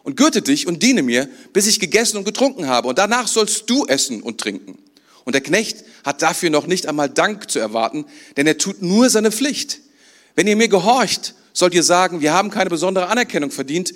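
A man's voice: sits high, expressive, a little fast, fairly bright tone. A male pastor preaching a sermon in church, talking conversationally and putting questions to the congregation.

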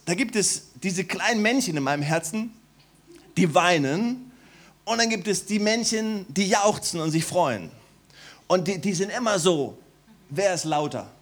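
A middle-aged male pastor delivers a sermon with a slightly higher voice than most men. He sinks into quiet, low passages and then climbs to loud, emphatic calls to the congregation. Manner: preaching to a congregation, swinging from soft and low to loud, high exclamations. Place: warm church hall.

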